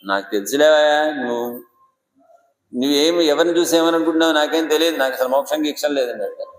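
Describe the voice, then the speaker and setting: A man's voice: fairly high pitch, fairly quick, natural voice. A man voicing a shrewd old male curd seller who bargains and teases while telling a sermon story. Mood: bargaining. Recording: echoey hall reverb.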